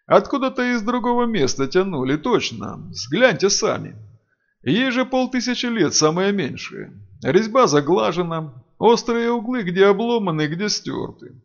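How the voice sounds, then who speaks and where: A man reading an audiobook, voicing a blunt, grumbling male gnome in a folksy way, with a gravelly tone on a lo-fi recording. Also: sits high, very animated, measured pace, voice pushed up, full character voice.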